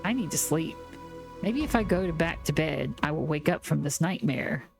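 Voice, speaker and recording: A woman's voice: deep voice, animated, moderate pace, creaky, faint music behind. A woman voicing a nervous young boy in a game, speaking in a timid, pleading way. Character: nervous young boy in a bleak small town. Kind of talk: reading game dialogue aloud.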